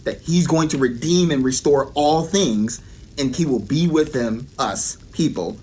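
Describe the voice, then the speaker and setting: A man's voice: medium pitch, a little slow, a little mellow, husky. A man giving an earnest devotional teaching and often repeating his key points for emphasis.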